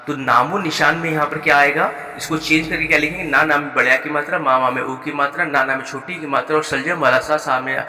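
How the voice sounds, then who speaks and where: Male schoolteacher walking pupils through an exercise, patient, spells words slowly, bright voice, roomy echo. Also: on the high side, steady tone. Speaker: Hindi teacher. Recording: echoey room with long reverb.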